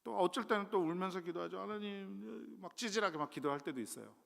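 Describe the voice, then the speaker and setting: Man, middle-aged, pastor, sermon, gravelly, sharp bright tone, long church hall echo. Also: high-pitched, expressive, racing. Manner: conversational, self-deprecating preaching with sudden loud rises. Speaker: guest pastor. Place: church sanctuary.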